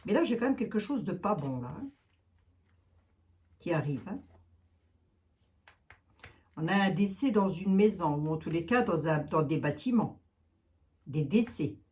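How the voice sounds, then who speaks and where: A woman's voice: lowish voice, big pitch swings, a little slow, long pauses, darkish tone. A woman giving a casual tarot reading to her viewers, thinking aloud with many fillers and asides. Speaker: tarot reader.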